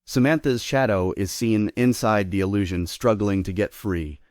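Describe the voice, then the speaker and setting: A deep-voiced man narrates, reading a play's stage directions from a script at normal speed. His tone is a little mellow, and the recording is dry with no room sound.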